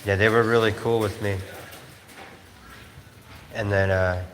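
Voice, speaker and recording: Casual male streamer, lowish voice, rambling storyteller, reverberant room, faint hiss. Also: little pitch movement, unhurried, fairly bright tone. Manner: rambling, laughing storyteller with many fillers. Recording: roomy space with faint noise.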